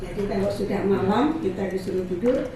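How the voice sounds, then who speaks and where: A woman's voice: medium pitch, animated, brisk. Elderly woman recalling childhood, echoey room. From Indonesia. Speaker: family member interviewee. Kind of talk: personal recollection. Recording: echoey room, distant mic, background noise.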